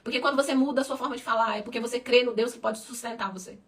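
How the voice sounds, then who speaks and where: A woman's voice: fairly high pitch, steady tone, very fast, far from the mic. A middle-aged woman pastor preaching a sermon with passion, repeating words for emphasis and rising to cries.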